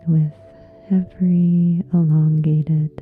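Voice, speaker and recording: Guiding a yoga nidra session, a deep-voiced woman speaks softly and breathily in a soothing hush, very slow and level, with long pauses after each short phrase. Singing bowls and soft meditation music play behind her, and the sound comes across slightly muffled and dull.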